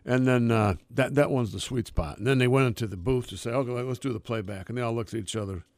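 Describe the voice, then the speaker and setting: A man's voice: medium pitch, quick pace, a little mellow, slight background noise. A man hosting a radio music show in casual, rambling chat, freewheeling and emphatic in his enthusiasm.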